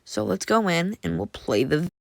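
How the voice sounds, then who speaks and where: A woman's voice: fairly low pitch, very animated, normal speed, gravelly, heavy background noise. A woman casually reviewing Halloween props, chatty and enthusiastic with lots of fillers. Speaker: prop reviewer.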